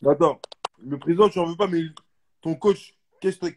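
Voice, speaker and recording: A man's voice: fairly high pitch, moderate pace, a little mellow, a little hiss or hum. A man hosting a casual interview, asking direct questions and giving short slangy reactions. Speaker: host, interviewer.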